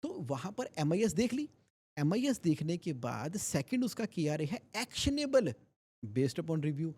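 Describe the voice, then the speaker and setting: A man's voice: a little high, big pitch swings, measured pace, a little mellow, slightly rough. A man from India, a finance expert guest on a podcast interview, explaining things animatedly with homely examples and repetition.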